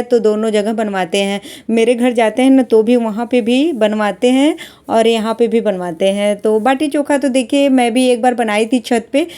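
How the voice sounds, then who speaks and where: A woman tells her day in a relaxed voice-over, pitched a little high. The tone is mellow and smooth. She talks in a chatty, homely way, like a vlogger catching viewers up. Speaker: village life vlogger. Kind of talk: casual voice-over narration.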